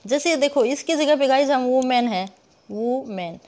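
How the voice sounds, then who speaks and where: A woman's voice: sits high, moderate pace, darkish tone. Woman teaching, Hinglish explainer. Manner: rhetorical questions she answers herself, addresses viewers as guys; sounds out words syllable by syllable. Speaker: literature teacher. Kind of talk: online lesson explaining poetic meter.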